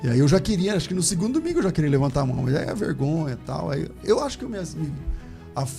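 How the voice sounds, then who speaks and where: A man, a pastor, telling his conversion story in casual chat, animated and laughing as he acts out the voices of others. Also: a little high, very fast, vocal fry, music in the background.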